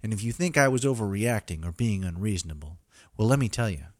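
A man's voice: on the low side, animated, fast, a little mellow, no echo, studio quality. A man narrating a scripted comic story as host, with theatrical, emphatic delivery.

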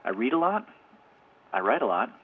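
A man's voice: medium pitch, big pitch swings, moderate pace, breathy edge. Chatty man on a dull lo-fi recording. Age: 30s. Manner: chatty, laughing, thinks aloud with restarts. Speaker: interview guest. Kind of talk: casual interview.

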